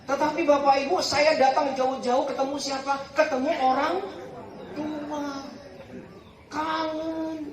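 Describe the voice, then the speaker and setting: A man's voice: very high-pitched, little pitch movement, a little fast, hardly any pauses. A man giving a humorous sermon at a community gathering, who keeps asking the crowd for agreement. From Palembang, Indonesia. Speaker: preacher. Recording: echoey hall, distant mic, crowd.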